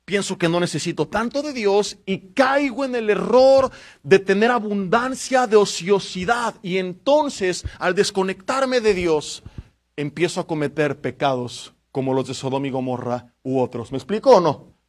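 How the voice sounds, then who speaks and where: A pastor preaching a sermon with passion, moving between hushed and loud emphasis and asking listeners direct questions. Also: male voice, high voice, animated, normal speed.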